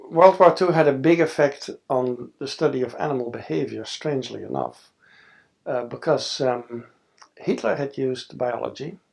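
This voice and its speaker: A Dutch scientist in his sixties, with a Dutch accent, speaks thoughtfully as the interviewee in an oral history interview, often using fillers and restarting sentences. His mid-range voice moves at normal speed, with vocal fry and a darkish tone. He's recorded on a lapel mic in a studio with a backdrop.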